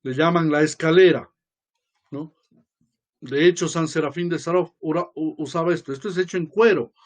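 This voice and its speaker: Archbishop type, high-pitched man, loose lecturing delivery with asides and tag questions. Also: moderate pace. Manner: conversational, often adds tag questions; acts out quoted voices. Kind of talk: informal religious lecture.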